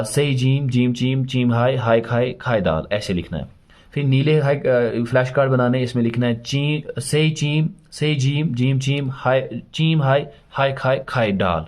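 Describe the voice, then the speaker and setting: A man teaching a first-grade lesson, spelling words letter by letter and patiently encouraging young pupils. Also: mid-range voice. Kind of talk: children's alphabet lesson.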